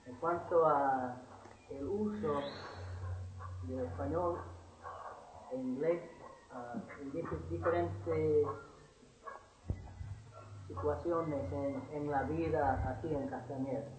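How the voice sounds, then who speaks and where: A man interviewing in Spanish, asking halting questions with frequent restarts. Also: fairly high pitch, darkish tone. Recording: distant, roomy, noisy recording.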